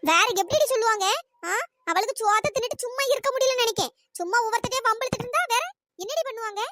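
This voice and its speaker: A performer voicing a domineering older mother-in-law who shouts and berates her daughter-in-law in a cartoon. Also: very high voice, expressive, racing, a loud crowd. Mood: scolding. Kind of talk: cartoon voice acting.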